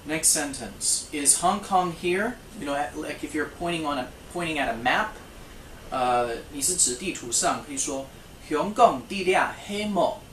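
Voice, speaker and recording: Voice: medium pitch, a bit bright, distant mic, slight background noise. Teacher drilling phrases in an echoey room. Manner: repeats phrases slowly for drilling, corrects themself mid-sentence. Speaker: language teacher. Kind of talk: recorded language lesson.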